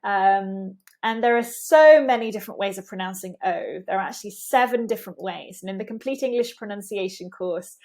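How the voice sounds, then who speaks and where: A woman's voice: mid-range voice, brisk, hardly any pauses, darkish tone. A woman giving a pronunciation lesson, patiently explaining and repeating words with exaggerated mouth movement. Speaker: pronunciation coach.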